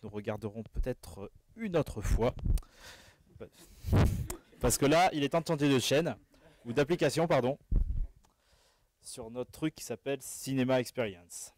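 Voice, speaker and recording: A man giving a live product demo on stage in a relaxed, chatty manner. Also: mid-range voice, no echo. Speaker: product demonstrator.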